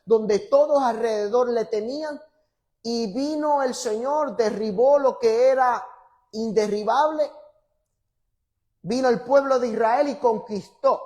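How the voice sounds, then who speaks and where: A male pastor delivers a fervent sermon to a church congregation. He reads scripture with loud, emphatic force, then drops to quiet, teasing asides with the crowd. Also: extremely high pitch, a little slow.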